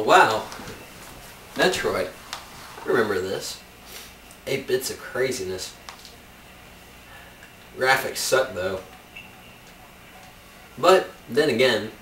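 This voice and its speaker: A man's voice: mid-range voice, big pitch swings, slow pace, pauses often, a bit bright. A man chatting casually about video games in a skit, griping in slangy, exasperated fashion. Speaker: guest gamer in a comedy review skit. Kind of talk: casual gamer chat in a skit. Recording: distant mic, echoey room, faint noise.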